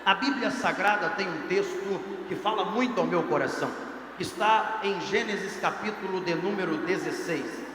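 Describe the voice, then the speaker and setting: Speaking at a moderate pace, a man whose voice sits high preaches to a youth congress in a large hall, his delivery emphatic and rising. The echoey recording carries a noisy background and faint crowd ambience.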